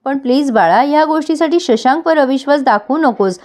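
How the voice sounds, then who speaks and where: A woman's voice: sits high, lively intonation, fairly quick, darkish tone. A woman voicing a guilt-ridden, tearful older aunt who keeps apologizing. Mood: guilty.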